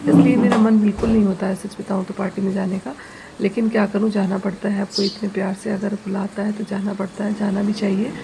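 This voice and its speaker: A woman's voice: medium pitch, creaky, noisy background. A woman, chatting casually to viewers in a home vlog about her day and housework. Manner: chatty, relaxed, talks straight to viewers. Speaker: vlogger, homemaker and mother. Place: at home, indoors.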